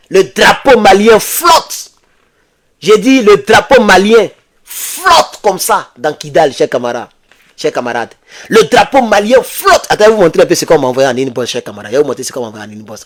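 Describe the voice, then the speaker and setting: A man, talking casually to his viewers in a live political vlog, repeating himself and urging them on. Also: fairly high pitch. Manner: exhorting, repetitive, addresses viewers as comrades. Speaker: political video blogger.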